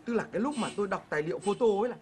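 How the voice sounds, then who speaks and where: Fast-talking woman in a noisy comic sketch. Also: medium pitch, lively intonation, a little mellow. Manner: bantering, bursts of laughter. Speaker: comedy sketch performer. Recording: noisy live recording.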